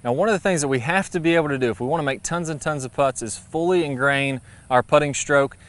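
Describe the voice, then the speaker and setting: A man, giving a brisk, friendly golf lesson outdoors on a putting green, recorded on a lapel mic. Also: on the high side, a bit bright. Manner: brisk, friendly, practical coaching. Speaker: golf instructor.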